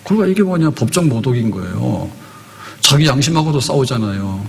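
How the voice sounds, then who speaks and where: Animated Korean pastor preaching in reverberant hall. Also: male voice, mid-range voice, vocal fry. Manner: animated preaching, acting out quoted voices; breaks into slow hymn singing. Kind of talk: sermon. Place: church sanctuary. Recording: long church hall reverb.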